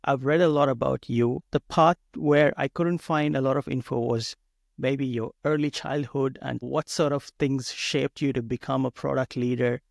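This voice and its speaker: A man's voice: medium pitch, fairly even intonation, normal speed, vocal fry, no echo, studio quality. A man hosting a podcast, introducing his guest eagerly and repeating words as he goes. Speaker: podcast host.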